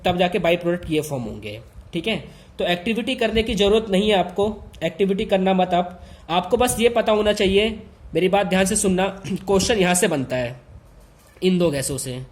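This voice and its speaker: A male teacher talks his students through a lesson in an easy, informal way. His voice sits fairly high for a man, and he presses key points by repeating them and straight to the class. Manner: repetitive, emphatic, addresses students directly.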